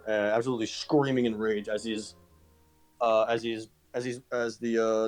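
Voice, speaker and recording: A man runs a tabletop game as game master, talking over an online call. His narration is halting, full of restarts and fillers, at an ordinary middle pitch. Soft music plays faintly underneath. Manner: hesitant, with many restarts.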